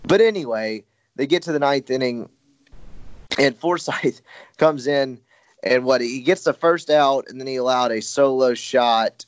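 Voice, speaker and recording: A man's voice: medium pitch, measured pace, no room sound. A man chatting casually as a podcast co-host, rambling with many fillers and self-corrections. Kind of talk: casual baseball chat.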